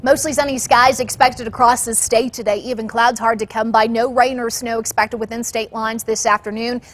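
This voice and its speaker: A woman's voice: on the high side, steady tone, normal speed, fairly bright tone. A woman presenting weather and traffic updates in a conversational broadcast style.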